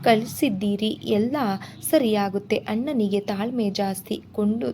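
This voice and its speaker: A woman's voice: medium pitch, unhurried, background noise, close to an everyday voice. A woman voicing a kind young woman who reassures her mother, in a storybook reading. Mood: reassuring. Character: kind young woman, soothing sister-in-law.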